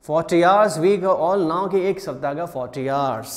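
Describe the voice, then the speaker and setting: A man teaching an English play, reading its lines slowly, then explaining each in Hindi. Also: fairly high pitch, big-room sound.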